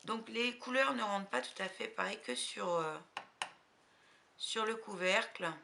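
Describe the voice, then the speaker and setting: A woman with a slight cold talks through her crafting purchases at a very slow, easy pace. Her voice is bright and a little low in pitch, and she hesitates often with fillers. Faint noise sits under the recording. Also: creaky. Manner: unhurried, hesitant, many fillers. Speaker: crafting vlogger. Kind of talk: casual haul chat.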